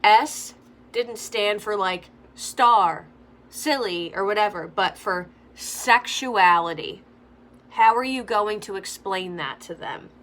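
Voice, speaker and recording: Chatty young woman vlogger, bright tone. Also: mid-range voice, takes it slowly. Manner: chatty, frequent "like" fillers. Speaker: makeup vlogger. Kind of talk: opinionated commentary during makeup tutorial. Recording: faint background noise.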